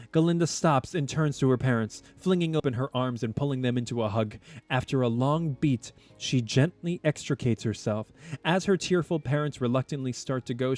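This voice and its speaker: Animated man reading a screenplay. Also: mid-range voice. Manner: animated, chatty asides. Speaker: screenplay reader and commentator. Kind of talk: reading a screenplay aloud with commentary.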